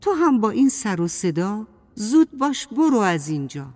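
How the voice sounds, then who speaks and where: A woman voicing a grumpy shouting apple tree. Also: mid-range voice, long reverb tail, lightly acted. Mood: angry. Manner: scolding, rhyming chant.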